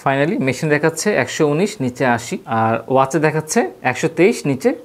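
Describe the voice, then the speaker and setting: A woman's voice: low-pitched, expressive, brisk. A woman giving a casual hands-on gadget review for a tech shop, chatty and speaking straight to viewers, with English words mixed in. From Bangladesh. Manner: chatty, keeps addressing viewers directly, mixes in English words.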